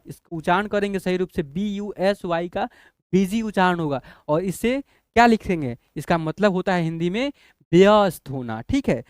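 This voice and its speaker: A man's voice: high-pitched, clear, resonant tone, no echo, clean studio sound. A man teaching a lesson, patiently spelling out letters one by one and asking the students whether they follow. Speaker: English teacher. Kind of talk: classroom lesson explaining spelling.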